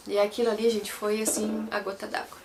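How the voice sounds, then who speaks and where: A young Brazilian woman vlogger tells her own story to camera in a chatty manner, often repeating and correcting herself in Brazilian Portuguese. Her medium-pitched voice is level and a little fast, with a little hiss or hum in the audio.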